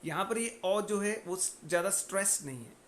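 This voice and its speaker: High-voiced man teaching phonetics. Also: expressive, a little fast, fairly bright tone, a little hiss or hum. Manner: explains step by step, often checks with "ठीक है ना"; reads out example words one at a time. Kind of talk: phonetics lesson.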